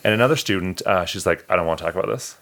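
This podcast co-host speaks rapid-fire in a low voice that's a bit bright. During the casual chat he shares personal stories earnestly and with real emotion.

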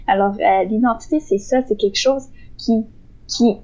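A woman's voice: a little high, normal speed, mellow. Reflective Québécoise woman, slightly muffled. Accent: Québécois French. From Quebec. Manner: reflective, hesitant with frequent fillers, laughs easily. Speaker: podcast co-host. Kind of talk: casual conversation. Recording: slightly dull lo-fi sound.

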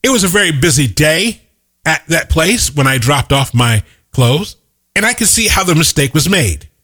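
Animated motivational man, lively pitch. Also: moderate pace. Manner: emphatic, repeats key lines for effect. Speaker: motivational speaker. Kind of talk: motivational monologue.

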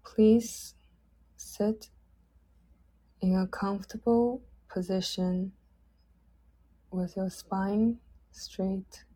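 A woman leading a guided loving-kindness meditation in a soft, gentle, drawn-out way. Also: medium pitch, fairly even intonation, husky, rough recording.

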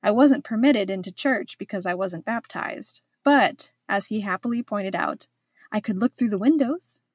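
A woman's voice: medium pitch, moderate pace, a little mellow, slightly rough, dry recording, clean studio sound. Woman narrating a memoir, wry and reflective. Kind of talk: scripted first-person narration.

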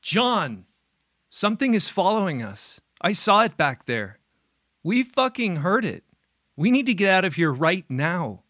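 A man playing a panicked young hiker who yells frantic warnings in a horror story reading. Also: mid-range voice, fairly even intonation, normal speed, no room sound, studio quality, voice pushed up, close to an everyday voice. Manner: frantic, yelling.

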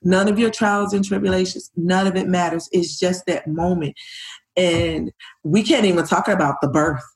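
A woman, a fertility patient telling her story emotionally in an interview, animated and gushing, acting out what others said. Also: lowish voice, moderate pace.

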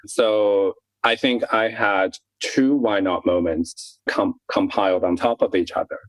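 Man from China, very low voice, dry close sound, candid podcast guest, laughs often. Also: measured pace, no echo, low-quality recording. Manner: candid, laughs between thoughts, frequent restarts. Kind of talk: casual interview talk.

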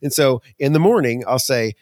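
A man co-hosting a podcast in casual chat, talking earnestly and getting animated as he recounts his frustrations. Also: mid-range voice, moderate pace, dry recording, clean studio sound. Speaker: podcast co-host.

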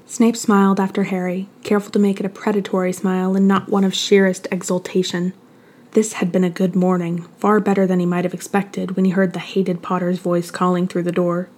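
A woman narrating a fan fiction story aloud in an even, steady way. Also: on the low side, a little fast.

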